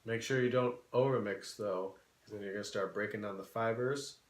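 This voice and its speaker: A man's voice: fairly low pitch, normal speed. Playful man co-hosting a cooking show. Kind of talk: casual cooking demo chat. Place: kitchen studio. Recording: echoey kitchen room.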